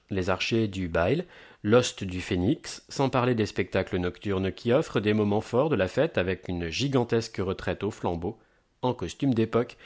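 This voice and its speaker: Male promo narrator, lowish pitch, upbeat and emphatic on headlines, scripted delivery. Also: darkish tone. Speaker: announcer of a local events agenda.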